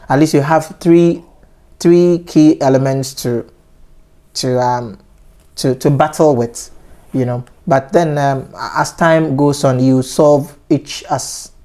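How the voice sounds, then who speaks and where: A man from Ghana in his thirties hosting a casual interview, speaking in a measured way with frequent fillers and restarts. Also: medium pitch, steady tone, warm tone. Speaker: interview host.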